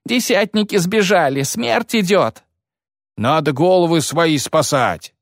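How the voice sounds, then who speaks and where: A man's voice: on the high side, expressive, unhurried, no echo, studio quality, voice pushed up. A man voicing panicked common male soldiers who wail as they flee. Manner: wailing, panicky.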